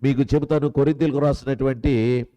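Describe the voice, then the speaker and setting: A man preaching a sermon as pastor. He asks many rhetorical questions and swings between loud, high lines and soft, low ones. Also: fairly even intonation, brisk, muffled recording.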